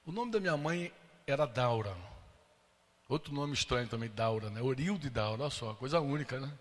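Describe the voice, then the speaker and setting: A man's voice: mid-range voice, animated, brisk. A Brazilian man preaching a sermon, telling an emotional personal story and acting out the voices of the people in it. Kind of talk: sermon testimony. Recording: long hall reverb.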